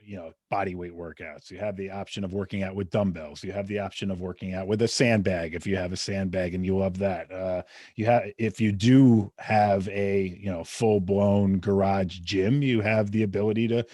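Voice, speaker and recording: A man hosting a podcast, earnest in casual interview chat, often trailing off quietly. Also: low-pitched, steady tone, moderate pace, no echo, studio quality. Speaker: podcast host.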